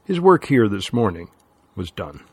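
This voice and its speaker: A man narrating an audiobook with measured storytelling. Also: fairly low pitch, sing-song, creaky, slightly rough, no room sound. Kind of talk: scripted narration.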